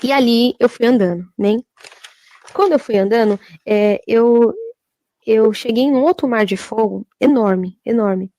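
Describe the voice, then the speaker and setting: Halting woman giving testimony. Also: a little high, mellow, no echo. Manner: halting, repetitive, frequent filler tags. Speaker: church worker giving testimony. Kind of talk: religious testimony.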